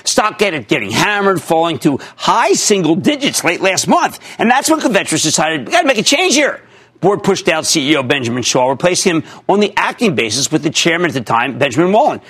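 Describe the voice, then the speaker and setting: A man in his sixties hosting a TV finance show, talking in an energetic, emphatic way with a husky voice. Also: on the high side. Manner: animated, emphatic, shouts at times. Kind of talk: energetic market commentary.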